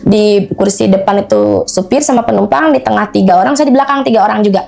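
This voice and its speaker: A woman telling a true ghost story to an interviewer in casual, animated, emotional talk, often addressing the listener directly. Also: medium pitch, fast talker, creaky. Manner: emotional, tells of distress at length.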